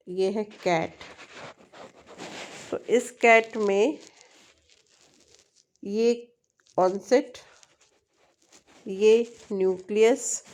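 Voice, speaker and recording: A woman with an Indian accent teaching a linguistics tutorial, switching between Hindi and English, reading definitions slowly and often checking in with her students. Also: medium pitch, a little mellow. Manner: frequent checking tag questions. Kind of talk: explaining at a board in mixed Hindi and English.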